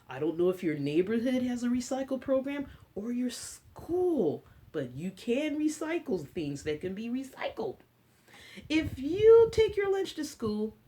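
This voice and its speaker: An American woman hosts a children's story time, talking and reading aloud in a teacherly manner. She uses short, simple phrases and asks her young listeners questions, in a high-sitting voice with a dark tone.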